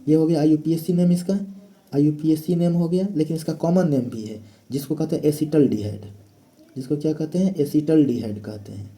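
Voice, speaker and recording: Mellow-voiced man teaching chemistry. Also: fairly high pitch, moderate pace. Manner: step-by-step explaining, asks and answers his own questions. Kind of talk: classroom lecture.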